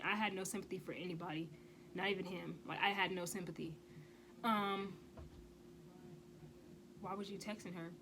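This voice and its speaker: A woman recounting a personal story in a casual storytime vlog, speaking at a middle pitch. Her delivery is emphatic and blunt, and she swears freely. She keeps pressing her points home with a rhetorical "okay?", with a faint hiss behind her. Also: fairly bright tone, poor audio. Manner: emphatic, repeats "okay?" for stress. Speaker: vlogger.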